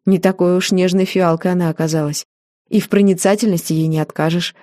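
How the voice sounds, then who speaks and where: Woman, audiobook reader, mellow tone, dry close sound, measured and wry. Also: on the low side, fairly even intonation, no echo. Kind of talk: first-person novel narration.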